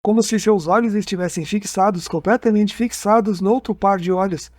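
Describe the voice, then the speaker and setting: A man narrating a nonfiction account in an even, steady reading voice. His pitch sits on the high side for a man, and the recording is dry and close. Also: moderate pace, no echo. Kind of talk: reading a nonfiction book aloud.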